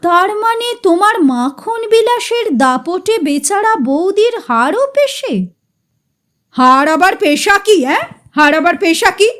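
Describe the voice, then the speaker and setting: A woman's voice: very high-pitched, very animated, a little slow, a bit bright, voice pushed up, heavily acted. A woman voicing a fussy, vain middle-aged man in a funny story, grumbling and tacking on questions. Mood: proud.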